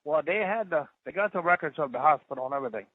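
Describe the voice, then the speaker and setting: A man talks on a prison phone line, his voice high for a man and squeezed thin by the narrow phone band. He answers haltingly, starting and restarting his replies. The sound is dry and close, with no room around it. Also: expressive, no room sound. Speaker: inmate on a recorded call.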